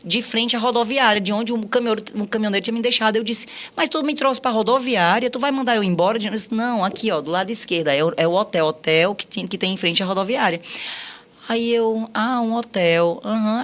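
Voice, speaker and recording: A woman's voice: fairly low pitch, fairly bright tone. A woman on a podcast recounting her life story, acting out quoted dialogue with many repeats.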